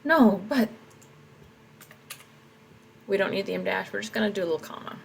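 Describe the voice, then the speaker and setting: A woman's voice: mid-range voice, fairly even intonation, racing, gravelly, slight background noise, rough recording. A woman reading her own story aloud and reflectively talking through her edits.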